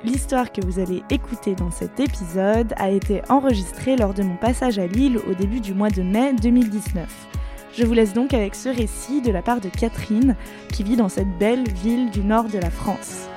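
A woman podcast host giving a calm, scripted introduction to the episode. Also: mid-range voice, normal speed. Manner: calm, clear presenting. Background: soft music.

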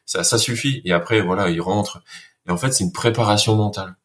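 A man who served in the military, telling an interviewer about training in an earnest, halting way with many fillers. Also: lowish voice, a bit bright. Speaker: guest, former soldier. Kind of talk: casual interview.

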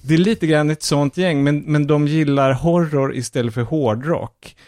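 A man's voice: on the high side, a little mellow, no room sound, studio quality. A man hosting a casual chat and recommending a comedy series, chuckling as he talks. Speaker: podcast host reviewing films and series.

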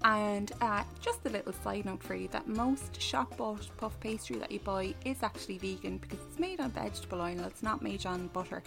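A woman chats as a podcast co-host in a comic, self-mocking way. Her pitch is middling and her stories ramble loosely, with faint music underneath. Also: a little fast, vocal fry, few pauses. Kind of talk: casual comic chat.

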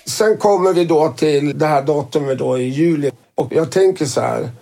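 A man's voice: on the high side, creaky, warm tone, soft background music. A man telling his story casually, swearing freely and acting out who said what. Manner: swears freely and acts out quoted dialogue. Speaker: interviewee.

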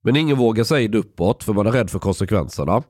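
A man's voice: fairly low pitch, expressive, a little mellow, dry recording, clean studio sound. A man on a podcast, chatting casually, jumping in and arguing his point at length. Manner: opinionated, interjects and argues a point. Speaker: podcast host. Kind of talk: casual chat.

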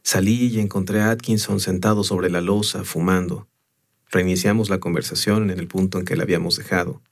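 A man narrating a story in the first person in a measured, unhurried way. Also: sits low, fairly even intonation, creaky. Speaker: audiobook narrator.

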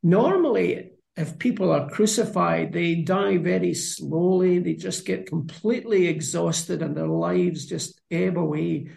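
A man's voice: high voice, measured pace, vocal fry, hardly any pauses, a little mellow, roomy sound. A man co-hosting a conversational Bible discussion, explaining passages in a thoughtful, earnest way. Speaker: Bible study co-host.

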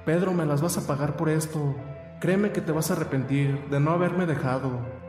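A man's voice: fairly high pitch, moderate pace, reverberant, long reverb tail, pitched above the performer's own voice, close to an everyday voice. A man voicing a lecherous, threatening old male landowner in a raised, menacing voice over background music. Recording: music playing under the voice.

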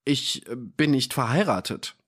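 A man's voice: mid-range voice, animated, measured pace, fairly bright tone, husky, voice pushed up. A man voicing a pious, prim manservant who speaks meekly in an audiobook. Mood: prim politeness. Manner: meek and prim. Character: pious, prim male servant, gently indignant.

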